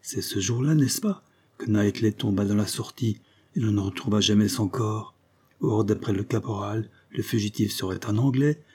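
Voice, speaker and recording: A man voicing a blunt, forceful army captain who presses his point emphatically. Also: on the low side, moderate pace, husky. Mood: pressing.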